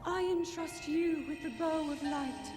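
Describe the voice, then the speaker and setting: An actress voicing a solemn, gentle young princess in a video game cutscene, speaking in a measured, earnest, formal way. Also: female voice, sits high, steady tone. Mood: solemn, encouraging. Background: game music.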